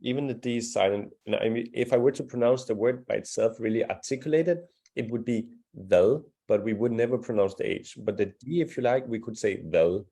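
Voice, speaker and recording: A man's voice: mid-range voice, fast, hardly any pauses, dark tone. A man teaching a live beginner language class, patient and encouraging as he explains pronunciation step by step. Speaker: Danish teacher.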